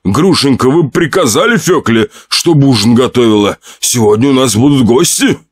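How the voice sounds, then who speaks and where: A man voicing a composed head of a noble household in a horror audiobook, with a soothing, measured manner. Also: mid-range voice, lively intonation, breathy edge, no room sound.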